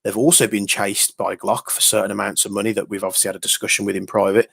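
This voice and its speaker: A man's voice: lowish voice, level tone, quick pace, vocal fry, fairly bright tone, slightly rough, no echo. A man hosting a casual airsoft talk show, telling stories with lots of fillers and restarts. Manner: rambling, filler-heavy storytelling. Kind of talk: casual podcast chat.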